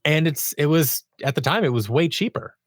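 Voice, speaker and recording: A podcast guest who produces audio dramas and designs sound tells stories about his creative projects, acting out pieces of quoted dialogue in a conversational interview. The man's voice is a little high and expressive at a moderate pace. It's recorded dry at studio quality.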